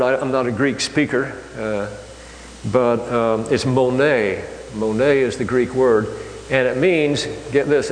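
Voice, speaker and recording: An older preacher with a mid-range voice gives a sermon in a church hall, easygoing and halting, with many fillers and frequent restarts. The large, echoey hall lends a long reverb tail, and a faint hum lies beneath.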